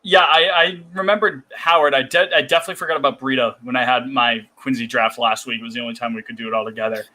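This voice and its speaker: A man with a mid-pitched, bright, crisp voice, joking with his co-host on a podcast. He teases dryly and laughs at his own bits. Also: fairly even intonation, fast, hardly any pauses, rough recording. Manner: wry, teasing, laughs at his own jokes. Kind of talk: casual podcast banter.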